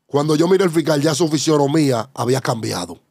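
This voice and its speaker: Dominican man, gravelly, fairly high voice, fervent testimony, dry close sound. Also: expressive, quick pace, darkish tone, no room sound. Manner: fervent, keeps exclaiming about faith and addressing the host. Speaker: guest giving a testimony. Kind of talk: emotional testimony telling.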